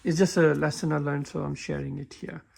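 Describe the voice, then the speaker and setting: A man walking through a car repair in a halting, casual way, often stumbling and restarting his sentences. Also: a little high, little pitch movement, vocal fry, a little mellow. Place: workshop with a work table.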